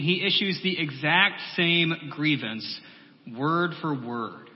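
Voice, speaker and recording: A male pastor delivering a measured sermon, building through repeated phrases and dropping to a soft, quiet voice. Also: fairly high pitch. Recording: long hall reverb, muffled sound.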